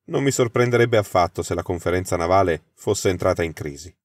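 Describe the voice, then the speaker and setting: A sharp, self-assured detective figure, read by a man in a low voice, dealing out crisp, incisive deductions. The audiobook is recorded dry and close, with no room sound around him. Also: lively intonation, a little fast, dry recording.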